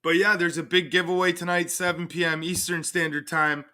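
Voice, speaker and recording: A man's voice: fairly high pitch, flat delivery, a little fast, bright, forceful tone. A man hosting a livestream, crudely and profanely mocking in a casual rant. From Canada. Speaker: livestream host.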